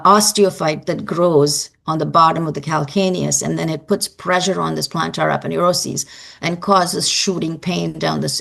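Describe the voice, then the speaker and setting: A woman giving a live anatomy lecture, brisk and emphatic, quizzing her students as she goes. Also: sits low, creaky.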